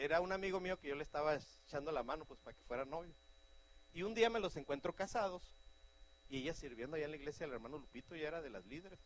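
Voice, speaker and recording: A middle-aged man preaching a fervent sermon, telling stories and breaking into loud shouts. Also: a little high, rough recording. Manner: fervent, shouting bursts, anecdotal.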